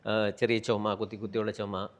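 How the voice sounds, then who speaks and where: A man who is a pediatrician with a Kerala Malayalam accent, calmly explaining child health and dropping in English medical terms. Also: on the low side, normal speed. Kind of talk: explaining to an interviewer.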